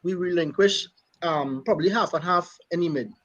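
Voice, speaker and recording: A man's voice: high-pitched, normal speed, fairly bright tone, dull audio. A man co-hosting a casual football chat, questioning and building his argument with statistics. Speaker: podcast co-host.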